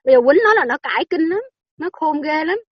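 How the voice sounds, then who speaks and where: A woman with a high, animated voice talks fast as she gives a chatty, teasing Buddhist dharma talk, constantly asking her listeners questions. There's no echo, and the recording sounds dry and a little dull.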